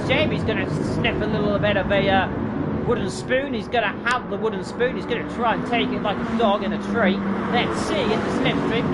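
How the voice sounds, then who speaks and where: A motorsport commentator gives an excited live call of an online race. The delivery is dramatic and colloquial, full of exclamations and playful exaggeration. Loud engine and vehicle noise runs behind the voice. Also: mid-range voice.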